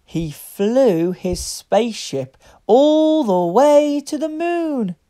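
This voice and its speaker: A woman reading a picture book aloud to young children, with deliberate, expressive phrasing. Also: on the high side. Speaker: children's story reader.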